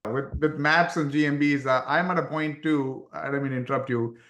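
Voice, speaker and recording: A man's voice: fairly high pitch, steady tone, fairly quick, fairly bright tone, echoey room. A man from Sri Lanka hosting and interviewing, mostly giving short replies and questions. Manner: short back-channel replies. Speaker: channel host and interviewer. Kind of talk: casual interview chat.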